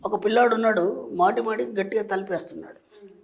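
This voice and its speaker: A middle-aged man, a spiritual teacher, giving advice as a guest and telling lively stories that act out what people say. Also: sits high, quick pace, a little hiss or hum. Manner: lively storytelling, acting out quoted speech. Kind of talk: explanatory advice talk.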